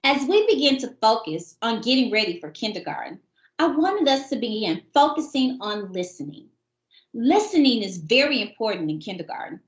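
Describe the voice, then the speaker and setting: A woman's voice: fairly high pitch, very animated, normal speed, echoey room, highs cut off. A woman hosting a parenting show, giving upbeat, encouraging instructions to parents in a teacherly way. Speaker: host of a parenting show for kindergarten readiness. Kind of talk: scripted instructional talk to parents.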